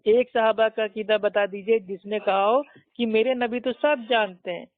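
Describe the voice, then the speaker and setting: An Indian man with a high voice argues over a tinny, dry phone line. He talks in a combative, mocking, preachy way, piling up insults and demands for proof. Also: fairly even intonation, moderate pace, dry recording. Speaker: debater. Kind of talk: heated phone argument.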